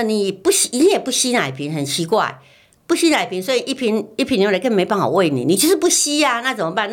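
A middle-aged mother, chatting casually and repeating words as she tells a story. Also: fairly low pitch. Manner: animated storytelling, repeats words, acts out her own past lines. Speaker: mother recalling her child's infancy. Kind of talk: casual family chat.

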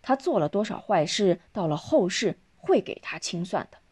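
A woman's voice: mid-range voice, moderate pace, breathy edge. A woman voicing an earnest older man. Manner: earnest, steady reasoning.

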